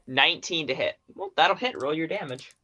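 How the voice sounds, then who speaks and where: A woman running a tabletop game as game master on a live stream, calm and matter-of-fact as she calls for rolls. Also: low voice, a little fast, noisy background. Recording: dull lo-fi stream audio.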